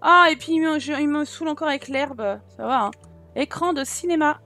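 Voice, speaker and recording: Southern French woman, slightly high voice, casual gaming commentary, talks to viewers, faint music behind. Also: fairly quick, sharp tone. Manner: chatty, addresses viewers directly, thinks aloud. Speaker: gaming YouTuber. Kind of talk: casual let's-play commentary.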